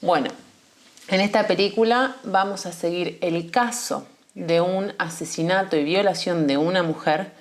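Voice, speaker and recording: A woman with an Argentine accent gives a Spanish lesson. She explains clearly and patiently, and slows down to repeat key words. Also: lowish voice. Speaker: Spanish teacher.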